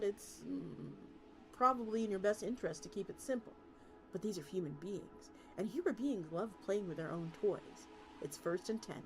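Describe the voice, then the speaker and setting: Music plays under a VTuber streamer as she reads a story aloud expressively. Her voice is medium-pitched and a little mellow, and she sometimes fumbles words and begins lines again.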